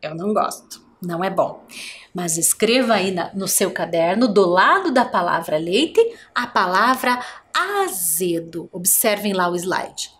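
On a televised primary school lesson, a female teacher with a Brazilian Portuguese accent dictates slowly, drawing each word out syllable by syllable. Her intonation is lively and her voice a bit bright, with wide pitch swings as she questions the children, and a little hiss or hum sits in the background.

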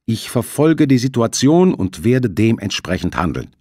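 A man's voice: mid-range voice, very animated, unhurried, darkish tone, no room sound, clean studio sound, voice pushed up. A man voicing a shaken male ship owner who urgently insists over the radio, in an audiobook. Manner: agitated, insistent.

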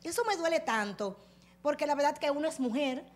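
A woman co-hosting a live TV panel, emotional and prone to sorrowful exclamations. Her voice is very high for a woman. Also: expressive, brisk. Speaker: TV talk show co-host.

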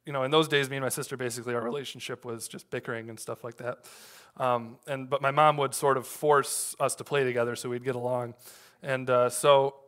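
A man's voice: medium pitch, fairly even intonation, fairly quick, fairly bright tone. A man preaching a sermon in a loose, conversational way, with many fillers and restarts as he tells a personal story. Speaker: pastor.

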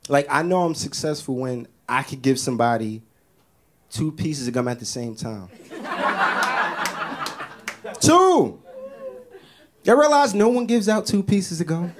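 Animated Bronx-raised comedian, lively pitch. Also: male voice, normal speed. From the Bronx, New York. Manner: animated, exclamatory, street slang. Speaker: stand-up comedian. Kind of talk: stand-up comedy set. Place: stage before a live audience. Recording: live stage with audience laughter.

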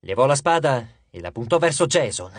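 A man narrating an audiobook with expressive, dramatic storytelling, recorded on a studio microphone in a booth. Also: mid-range voice, a little fast, slightly rough, no room sound.

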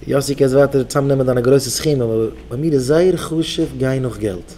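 Mellow-voiced rabbi exhorting his students. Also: medium pitch, racing, slight background noise. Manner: exhorting, leads the crowd in call-and-response chants. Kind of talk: Yiddish sermon to yeshiva students.

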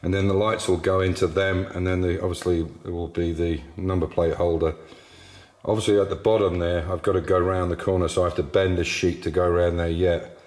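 A man's voice: low-pitched, little pitch movement, a little fast, a little mellow. A man in his sixties explaining metal fabrication steps while working on a classic car, thinking aloud with plain fillers. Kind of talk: workshop how-to narration. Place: large indoor car workshop. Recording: echoey workshop room.

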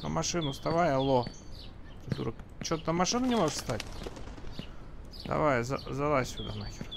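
A man's voice: a little high, lively intonation, normal speed, gravelly, background noise. A man doing casual gameplay commentary as a raging gamer, irritable, grumbling and swearing. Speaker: gamer recording a first-look playthrough. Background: video game ambience.

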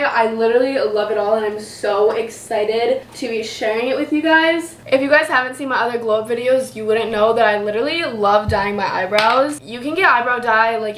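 A woman's voice: medium pitch, fairly bright tone. A young American woman with a slight lisp, chatting casually through a beauty tutorial to a camera indoors. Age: young adult. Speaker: beauty vlogger. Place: indoors in bedroom and bathroom. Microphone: camera a short distance away. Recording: echoey room, clear background noise.

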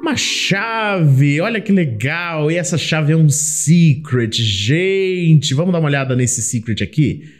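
A young man with a Brazilian Portuguese accent giving casual, chatty, excitable commentary while playing a video game, often talking to the character on screen. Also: fairly high pitch, measured pace, faint music behind. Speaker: gameplay commentator. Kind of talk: casual let's play commentary.

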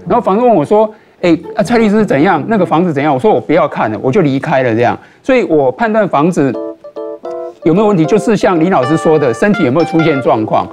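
Fast-talking man telling an anecdote. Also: on the high side, lively intonation, a little mellow. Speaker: lawyer guest. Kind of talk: anecdote on a talk show. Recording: studio with faint music.

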